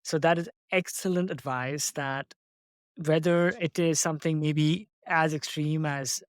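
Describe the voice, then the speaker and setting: Measured male podcast host, dry sound. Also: fairly high pitch, steady tone, no room sound. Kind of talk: interview podcast.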